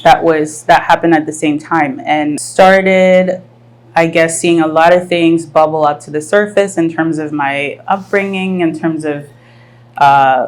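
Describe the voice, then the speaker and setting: A woman in her thirties from France, hosting a live podcast and talking through her story in a thoughtful, reflective way with many pauses and fillers. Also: low voice. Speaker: podcast host. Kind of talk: casual live podcast conversation. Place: live event venue with audience.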